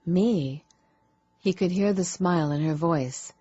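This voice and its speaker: Tender teasing woman, voiced by the reader, mellow and unhurried. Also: lowish voice, breathy edge, highs cut off. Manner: soft and teasing. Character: woman, playful and affectionate lover.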